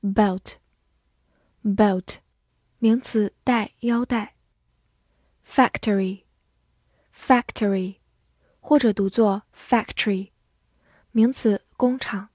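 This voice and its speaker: A woman reads out a vocabulary list at a very slow, deliberate pace, saying each English word twice before giving its meanings. Her tone is soft and mellow, and the recording sounds close and dry with no room around it. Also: medium pitch, fairly even intonation, no echo.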